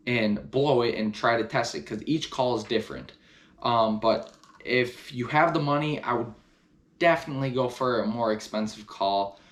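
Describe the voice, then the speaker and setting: A man talking casually to camera as he reviews hunting gear, enthusiastic and repeating words for emphasis. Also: mid-range voice.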